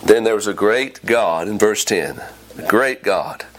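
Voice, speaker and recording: A man preaching a sermon, reading old scripture aloud and swinging from low emphasis to emphatic high peaks. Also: measured pace. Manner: animated, rising to emphatic peaks and dropping low; reads King James scripture aloud.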